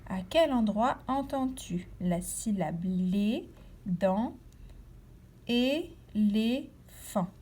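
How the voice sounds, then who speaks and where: A woman teaching young children, speaking patiently and repeating each word slowly and distinctly. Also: mid-range voice, animated, warm tone, husky. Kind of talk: slow, deliberate lesson for young children.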